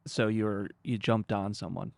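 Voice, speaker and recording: A man's voice: lowish voice, level tone, moderate pace, vocal fry, a little mellow, no echo. A man interviewing someone in a conversational way, with short emphatic phrases and pointed questions.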